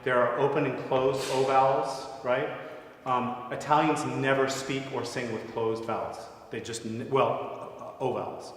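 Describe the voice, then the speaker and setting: A man's voice: mid-range voice, steady tone, measured pace. A middle-aged man leading a voice masterclass, talking conversationally and often checking in with his students. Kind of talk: masterclass teaching. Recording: echoey hall with long reverb, faint noise.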